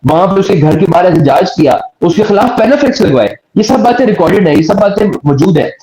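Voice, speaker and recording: A man from Pakistan speaking as an interviewed lawyer, his voice pitched a touch high yet mellow and dark in tone. He lays things out slowly and in detail, pausing on fillers. The sound carries a roomy echo. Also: lively intonation. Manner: measured, detailed recounting with frequent hesitation fillers. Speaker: lawyer and guest. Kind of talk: interview answers.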